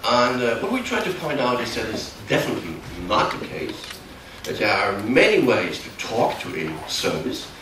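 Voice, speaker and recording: Recorded from afar by a camera in a large, darkened, echoey conference hall with background noise, a middle-aged German-accented speaker presents a technical workshop. He comes from near the Dutch border, speaks at medium pitch with big pitch swings, and explains in a halting, self-correcting way.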